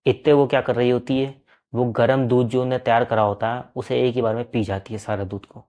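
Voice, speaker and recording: A man's voice: medium pitch, flat delivery, brisk, a little mellow. Conversational male horror storyteller. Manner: plain conversational retelling. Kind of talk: storytelling narration.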